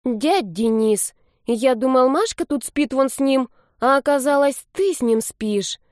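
A woman's voice: high voice, measured pace, no echo, clean studio sound, voice pushed up. A woman voicing a cheeky little boy in an audiobook, lecturing in an earnest, matter-of-fact way.

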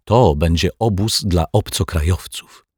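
A man's voice: sits low, unhurried, darkish tone, breathy edge, dry recording, clean studio sound. A man voicing a strict, unsmiling woman teacher with curt, prim answers in an audiobook. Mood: stern. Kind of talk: audiobook character voice.

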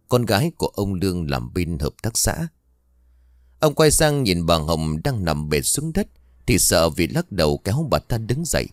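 Male storyteller, low and lively voice, dramatic horror narration. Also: no echo, clean studio sound.

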